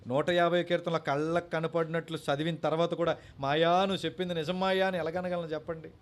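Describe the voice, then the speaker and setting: A man's voice: on the high side, level tone, fast. Man preaching a style sermon. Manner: storytelling preacher, mixes in sung lines and English words. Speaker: pastor.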